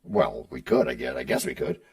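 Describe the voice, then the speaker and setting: Playful gravelly-voiced male podcast host. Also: a bass voice, big pitch swings, brisk, darkish tone, distant mic. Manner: playful, switching between his own voice and a sidekick. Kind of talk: scripted comedic banter with himself.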